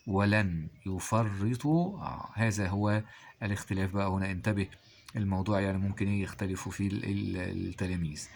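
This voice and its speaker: A male teacher with an Egyptian Arabic accent, walking through exam answers and prompting listeners with quick questions. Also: low-pitched, level tone, creaky, a little mellow, a little hiss or hum. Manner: quizzing listeners with rhetorical questions. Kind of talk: exam review lesson.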